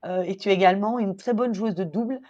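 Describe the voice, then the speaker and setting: A woman hosting a conversational podcast interview, phrasing her questions hesitantly with frequent pauses. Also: mid-range voice, a little mellow, muffled recording. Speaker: podcast host.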